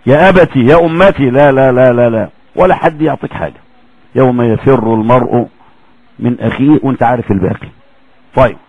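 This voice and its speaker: A man with an Egyptian accent giving a recorded religious lecture in a colloquial, animated way. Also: fairly high pitch, no echo, lo-fi sound. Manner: colloquial, animated, acts out quoted voices.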